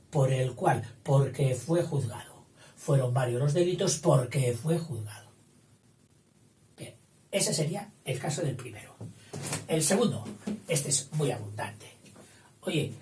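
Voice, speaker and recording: A man's voice: a little high, a little mellow. A man teaching a grammar lesson, explaining patiently and checking in with a frequent "eh?". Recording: roomy echo, distant mic, faint hiss.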